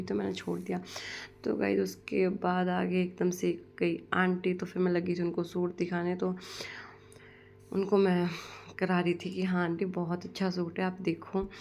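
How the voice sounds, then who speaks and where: Young woman vlogger, low-pitched and mellow, casual rambling narration. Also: vocal fry, lo-fi sound, a little hiss or hum. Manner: rambling, strings lines together with "so guys". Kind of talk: casual vlog voice-over narration.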